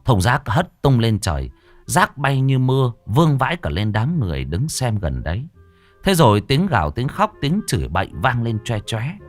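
A man's voice: medium pitch, big pitch swings, moderate pace, dry recording, soft background music. A man narrating a story in a vivid, earthy way.

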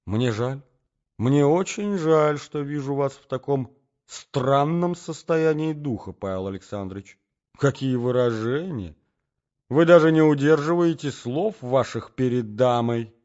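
A scheming middle-aged lady, put on by a male reader, who speaks in a soft, mournful, coaxing tone that hides her calculations. Her voice is lifted above the reader's own, on a muffled audiobook track. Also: mid-range voice, lively intonation, measured pace, pitched above the performer's own voice, close to an everyday voice. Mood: soothing. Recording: dull lo-fi audiobook recording.

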